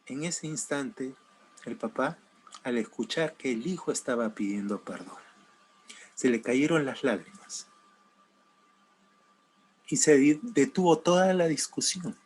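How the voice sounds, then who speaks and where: A man preaching a sermon, telling a story slowly, his voice swinging between raised emphasis and hushed, soft passages. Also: medium pitch, animated, slight background noise. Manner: slow, dramatic swings between loud and hushed. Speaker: pastor.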